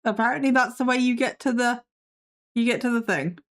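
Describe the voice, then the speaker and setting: Pitched fairly high and talking a little fast, this livestream host reacts to videos with sass and skepticism. She curses offhandedly even as she's losing her voice.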